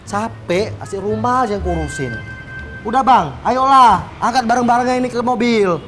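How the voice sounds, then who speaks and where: A woman playing a sharp-tongued bossy auntie. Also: on the high side, moderate pace, soft background music, close to an everyday voice. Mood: irritated. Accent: Medan Indonesian. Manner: scolding, complaining, blunt. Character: sharp-tongued bossy middle-aged woman, Mak Beti. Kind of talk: comedy web drama acting.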